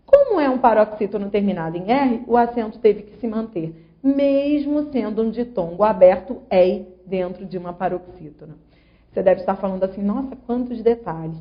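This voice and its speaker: A woman's voice: mid-range voice, animated, normal speed. A woman grammar teacher, explaining rules patiently and sounding out syllables one by one. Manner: patient, syllable-by-syllable explaining, asks viewer along. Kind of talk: online grammar lesson. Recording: slightly dull lo-fi audio.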